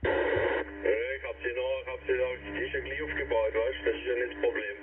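A man talks over CB radio, his voice thin and tinny as if heard from a distance, with loud static running beneath it. He speaks in a halting, casual way, pausing and restarting often. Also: medium pitch, flat delivery. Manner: halting, many hesitations and restarts. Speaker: CB radio operator.

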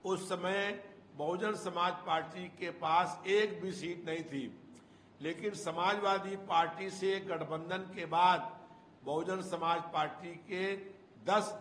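An older man, a party spokesman, giving an emphatic, measured political statement into a handheld press mic indoors. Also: sits high, steady tone, a bit bright. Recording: echoey room with faint noise.

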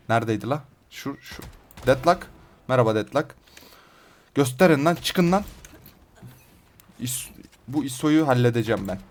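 Excitable man commenting on his gameplay. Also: mid-range voice. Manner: excited, rough-edged banter, addressing viewers. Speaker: gaming channel host.

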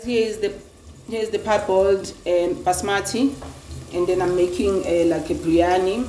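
A woman's voice: medium pitch, fairly even intonation, normal speed. A middle-aged woman, chatting casually in a vlog and often calling out to "guys". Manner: chatty, keeps saying "guys". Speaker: lifestyle vlogger. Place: airport terminal, then home kitchen. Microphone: phone at arm's length. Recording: phone video with crowd and background noise.

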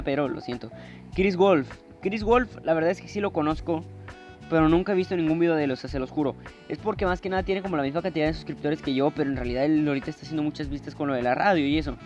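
A man's voice: a little high, a little mellow, dull audio. A teenage boy from northern Mexico with a northern Mexican accent, rambling through casual gaming commentary in slang, with plenty of swearing, fillers and apologies. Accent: northern Mexican Spanish. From Nuevo León, Mexico. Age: teens. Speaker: YouTuber.

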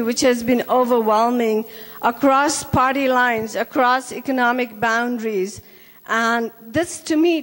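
A woman from Nepal with a somewhat high voice speaks formally and graciously into a handheld mic. Her words carry a long reverb from the large indoor hall. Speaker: state house candidate. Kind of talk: debate closing statement.

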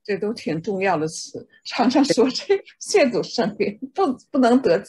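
A woman's voice: medium pitch, very animated, normal speed, a little mellow, husky. A woman learning English pronunciation one on one, carefully repeating words and asking short questions in Chinese. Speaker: adult English student.

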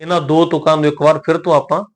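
A man with a Punjabi accent teaching scripture pronunciation, chanting verses slowly and then explaining them in a calm, measured way. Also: on the high side. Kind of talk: scripture recitation lesson.

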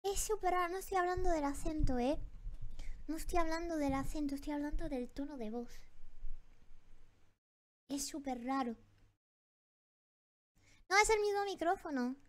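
Young woman streamer, super high voice, flustered, keeps repeating herself. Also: normal speed, pauses often. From Japan. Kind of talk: casual stream reaction.

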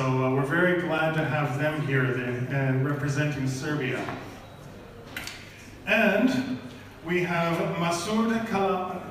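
A man with a Canadian accent hosting a live startup competition, upbeat and loose, stumbling over names. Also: fairly high pitch. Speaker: event host. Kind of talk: live event emceeing. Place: large event hall. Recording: echoey hall, speaker far off, faint noise.

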